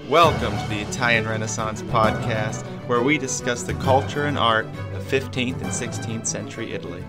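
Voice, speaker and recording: A podcast host narrates art history in a measured, lecturing manner, his medium-pitched voice a little scratchy and sniffly from a cold. Music plays in the background.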